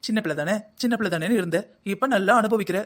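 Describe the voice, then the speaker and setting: A nagging older husband in a cartoon, as voiced by a performer, talking in a quick, middling-pitched voice with a South Tamil Nadu accent. He scolds and grumbles about the household without pause. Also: natural voice. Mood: grumbling. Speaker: voice actor in a family cartoon. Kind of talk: cartoon family comedy acting.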